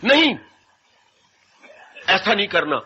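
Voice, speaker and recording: A man voicing a goddess who stops her devotee, suddenly high and loud. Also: big pitch swings, fast, husky, muffled recording, heavily acted. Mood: forbidding. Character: goddess speaking to a devotee, commanding and tender.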